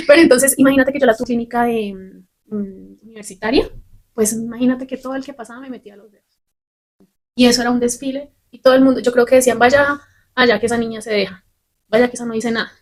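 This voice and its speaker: A young adult woman, a podcast host telling a personal story candidly and with animation. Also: fairly high pitch. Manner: candid, fast and animated, swears casually.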